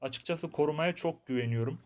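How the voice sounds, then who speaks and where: A young man giving chatty, excitable commentary on his own mobile game match, talking to his viewers and to himself. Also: a little high, a little fast. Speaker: gaming YouTuber. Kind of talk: live gameplay commentary.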